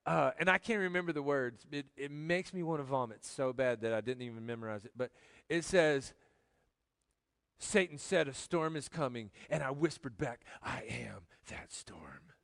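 Male pastor, sermon delivery, animated with loud and soft swings, slightly high voice, dry close sound. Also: normal speed, no room sound. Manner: animated, swings from loud to quiet, joking asides.

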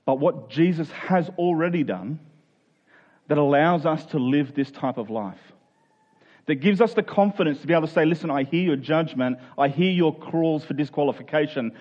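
A man with a medium-pitched voice preaches a conversational Bible sermon live to a congregation, speaking at a normal speed in earnest tones. He poses rhetorical questions and gives voice to imagined objectors. The audio sounds dull.

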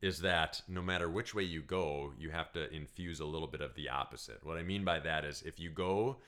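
A man with a low, relaxed voice co-hosts a casual couple podcast. He talks in an easygoing way and often laughs between points. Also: fairly quick. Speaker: podcast co-host.

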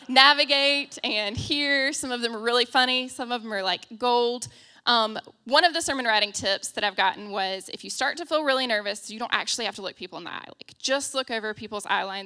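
Young woman preacher, bright and a touch high, chatty and self-deprecating, hushed when praying, close dry sound. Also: dry recording. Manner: casual and self-deprecating, frequent "like" and "um"; prays in a soft, hushed voice. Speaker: guest preacher. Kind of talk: conversational sermon with opening prayer. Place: church stage in the round.

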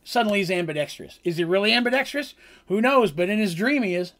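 A man's voice: high voice, expressive, fast, fairly bright tone. A man telling how a tabletop game session played out, as its game master, in a rambling way with frequent ums and self-corrections.

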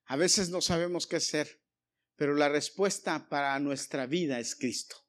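Male pastor, fairly high voice, emphatic sermon, loud calls and hushed asides, questions to the congregation. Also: moderate pace. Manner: addresses congregation directly with rhetorical questions.

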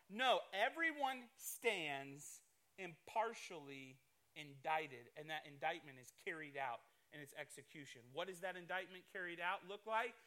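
A man's voice: high-pitched, bright, forceful tone. A man preaching a sermon, emphatic and swinging between playful asides and solemn warnings. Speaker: pastor.

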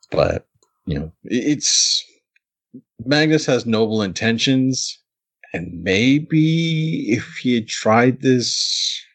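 A man's voice: medium pitch, sing-song, drawn-out words, long pauses, fairly bright tone. A man co-hosting a podcast, chatting casually as he recaps an episode, laughing often and restarting his sentences. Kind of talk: casual chat.

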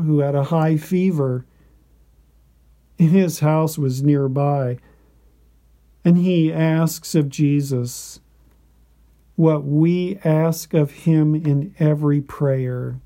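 A man delivers a scripted devotional narration. His voice is very dark and mellow, and he speaks slowly. Each phrase comes out deliberate and reverent. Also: on the high side.

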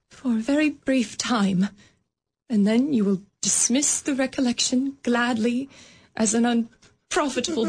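An actress as Belle, high and tender. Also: female voice, breathy edge, exaggerated voice. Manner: gentle, earnest, measured. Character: young woman Belle, sorrowful and resolved. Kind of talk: radio drama acting.

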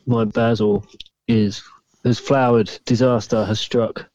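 Mellow guy bantering on a podcast, sound a bit dull and lo-fi. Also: medium pitch, little pitch movement, slow. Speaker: podcast co-host. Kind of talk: casual banter.

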